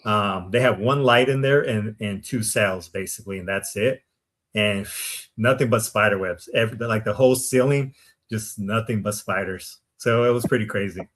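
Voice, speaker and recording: A man's voice: fairly low pitch, normal speed, fairly bright tone. A man from Arizona, a podcast guest who investigates the paranormal, telling stories casually with lots of fillers and tagged "right?" questions. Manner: rambling, many fillers and "right?" tags. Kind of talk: casual interview storytelling.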